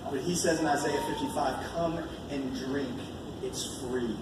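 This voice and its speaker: An American man with a medium-pitched voice and measured pace preaches an informal sermon, colloquial and emphatic, repeating phrases to drive them home. It's a live church gathering in a large room, recorded from far off, so the audio is echoey and noisy.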